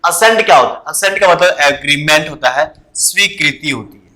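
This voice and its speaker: Bright-voiced man teaching vocabulary. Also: fairly high pitch, fairly quick, poor audio. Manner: asks questions and answers them himself; repeats key words. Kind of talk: online vocabulary class.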